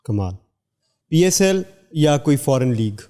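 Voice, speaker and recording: A man hosting a podcast interview, asking upbeat, brisk questions. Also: on the high side, big pitch swings, dark tone, big-room sound. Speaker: podcast host.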